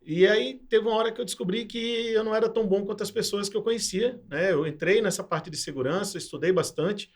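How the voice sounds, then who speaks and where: A man from in his forties, speaking. He talks in a reflective, hesitant way, filling pauses as he recalls his path. His voice sits a little high. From Pernambuco, Brazil. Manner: reflective, hesitant with many fillers. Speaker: guest, cybersecurity sales professional. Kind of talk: casual interview talk.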